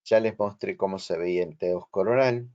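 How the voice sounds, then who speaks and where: A man with a Rioplatense Spanish accent giving a slow, explanatory online lecture and checking that his students follow. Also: low voice, darkish tone, dull audio. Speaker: instructor. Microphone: video call.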